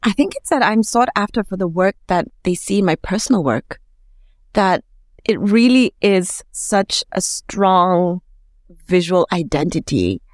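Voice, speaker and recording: A woman's voice: lowish voice, animated, a little slow, dry recording, studio quality. A woman with a Kenyan accent speaking reflectively and expressively as an interview guest.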